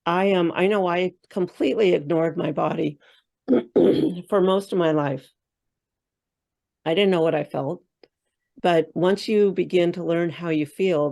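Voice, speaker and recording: Appearing as an interview guest, a spiritual coach talks casually, working through her thoughts aloud with lots of fillers and restarts. Her voice sits low, with a dark tone and some vocal fry.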